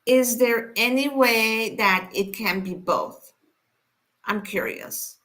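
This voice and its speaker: With a fairly high, fairly bright voice, a woman born in Iran chats with viewers during her weekly inspirational live stream. She addresses them directly, taking her time and using lots of filler words.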